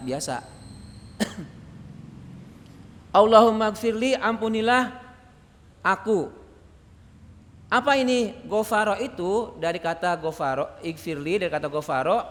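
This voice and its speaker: A high-pitched man teaches a study circle in a mosque, explaining step by step and posing questions he then answers himself. He coughs now and then. His voice rings out with a long reverb through the hall. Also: a bit bright. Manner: explanatory, asks rhetorical questions and answers them. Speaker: religious teacher.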